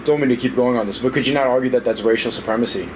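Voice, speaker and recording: Fast-talking man asking questions. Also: medium pitch, noisy background. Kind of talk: casual questioning.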